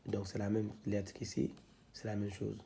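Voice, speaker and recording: Guy slowly walking through letter sounds, low husky gravelly voice, lots of euh and repeats. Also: completely flat delivery, warm tone. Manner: halting, repeats words, many "euh" fillers. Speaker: Quran reading teacher. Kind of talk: step-by-step lesson, spelling out syllables.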